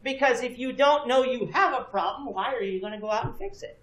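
A man's voice: very high-pitched, fairly quick, a bit bright. A man in his thirties teaching a church Bible class, explaining earnestly and putting questions to his students. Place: church classroom with a projection screen. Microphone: far camera, no visible mic. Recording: echoey room from a distance.

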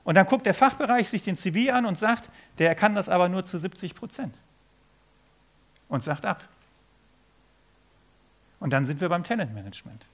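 Male keynote speaker, 40s, high and very lively delivery, storytelling with acted-out quotes. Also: moderate pace, pauses often. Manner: animated storytelling, acts out quoted dialogue. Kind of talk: conference keynote talk. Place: conference stage.

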